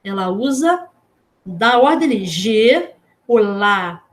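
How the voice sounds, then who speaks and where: A woman with a Brazilian Portuguese accent teaching a class. She explains step by step, asks questions and spells out letters slowly. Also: medium pitch, lively intonation. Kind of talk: online class lecture.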